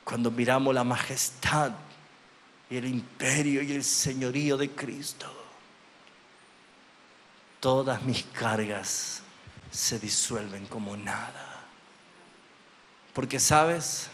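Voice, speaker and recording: A man preaching a sermon as pastor, swinging between loud proclamation and hushed, drawn-out phrases. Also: mid-range voice, slight background noise. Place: church sanctuary. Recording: long church hall reverb.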